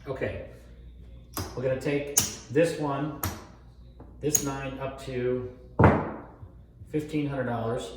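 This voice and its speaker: A man's voice: mid-range voice, steady tone, slow, pauses often. A man talking like a craps table caller, calling out rolls, bets and payouts and muttering tallies aloud as he repeats numbers. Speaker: craps player demonstrating a betting strategy. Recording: echoey room, distant mic, faint noise, clicks.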